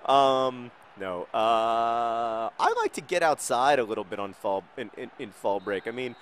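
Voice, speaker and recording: Rambling man shouting at a video game. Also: mid-range voice, expressive, measured pace, a little hiss or hum. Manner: rambling, self-deprecating, dry jokes, sudden shouts at the game. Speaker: gaming video host answering viewer questions. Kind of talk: casual commentary while playing a football video game.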